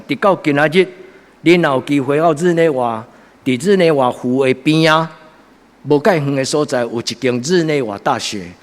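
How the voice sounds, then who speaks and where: A man from Taiwan preaching a church sermon with a Taiwanese Hokkien accent, earnest and exhorting in his delivery. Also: medium pitch. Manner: earnest, exhorting, swelling into loud emphatic passages. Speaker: pastor preaching a Sunday sermon. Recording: echoey hall with long reverb.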